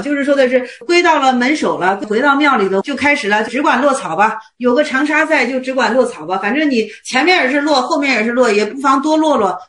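Woman Buddhist teacher, high voice, casual lecturing tone. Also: roomy sound. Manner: colloquial, lively explaining. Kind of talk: lecture on Zen texts.

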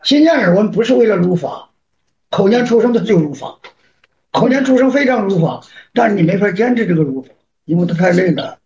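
A man's voice: high-pitched, expressive, brisk, a little mellow. A man teaching meditation, firmly and patiently explaining chanting practice in a group question session. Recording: dull lo-fi sound with faint noise.

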